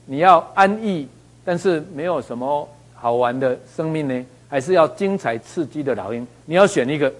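Male motivational speaker, lively storyteller, tosses out rhetorical questions. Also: on the high side, normal speed. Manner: animated storyteller, asks the audience rhetorical questions. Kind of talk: motivational talk with anecdotes.

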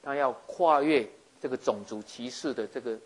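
A man giving a lively sermon, acting out scenes and often checking that his listeners follow. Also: mid-range voice, normal speed. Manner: animated, acts out scenes, keeps asking listeners if they follow. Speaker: preacher.

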